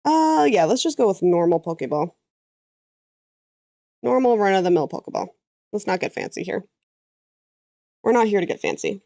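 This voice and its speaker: A Canadian woman streams herself drawing as a VTuber artist, chatting casually, thinking aloud, and breaking off mid-sentence. Her medium-pitched voice is sing-song, gravelly, and mellow, at normal speed with frequent pauses. There's no echo.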